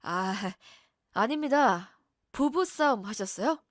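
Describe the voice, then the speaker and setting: A woman voicing a calm, courteous male police officer at the door. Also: a little high, slow, dry recording, studio quality. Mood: formal.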